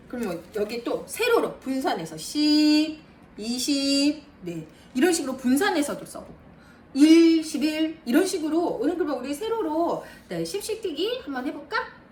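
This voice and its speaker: A woman math tutor giving a lively lesson to parents, counting aloud and talking straight to mothers. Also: high-pitched, distant mic. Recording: roomy, a bit off-mic, faint noise.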